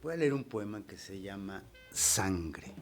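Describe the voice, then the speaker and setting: A man's voice: on the low side, animated, a little fast, darkish tone, faint music behind. A middle-aged man hosting a poetry program, talking in a reflective, hesitant way with many repeated words and fillers. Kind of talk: slow, reflective talk on poetry.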